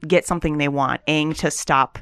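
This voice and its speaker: A woman co-hosting a relaxed discussion, offering casual analysis in conversational phrases. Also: low-pitched, normal speed, clean tone, no echo. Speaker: podcast co-host.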